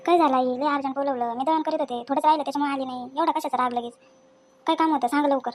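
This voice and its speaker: A woman's voice: high-pitched, fairly even intonation, racing, a little hiss or hum. Defensive young woman in a home drama. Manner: defensive, pleading. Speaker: daughter-in-law in a home drama.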